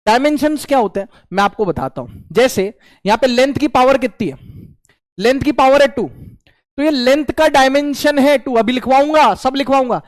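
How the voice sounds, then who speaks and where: High-voiced, playful physics teacher. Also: male voice, moderate pace, dry recording. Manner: playful, slangy, acts out student replies. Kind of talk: lively exam-prep physics lecture.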